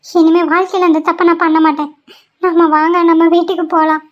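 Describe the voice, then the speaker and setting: A woman's voice: extremely high pitch, level tone, brisk. A woman voicing an emotional young pregnant wife in a cartoon, pleading and often tearful. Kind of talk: cartoon voice acting. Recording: dull lo-fi sound.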